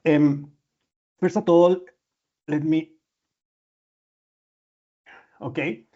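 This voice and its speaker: Speaking slowly in a steady, dark, slightly high voice, a Spanish-speaking physician presents a slide-based seminar on medical imaging research. He's earnest but often restarts and repeats words, and the recording is dull and lo-fi.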